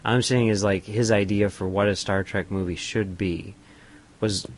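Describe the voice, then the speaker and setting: A man with a very deep voice talks through a film with friends. He builds his points slowly and hedges as he goes. The tone is casual. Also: steady tone. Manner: deliberate, hedging with filler phrases. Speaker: podcast commentator. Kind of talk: casual movie commentary chat.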